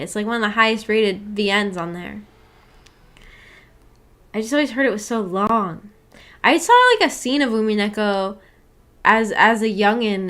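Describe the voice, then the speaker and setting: This is a casual livestream of a visual novel book club, hosted by a woman whose mid-range voice has a fairly bright tone. She reads out comments from viewers in a giggly, rambling, self-deprecating way.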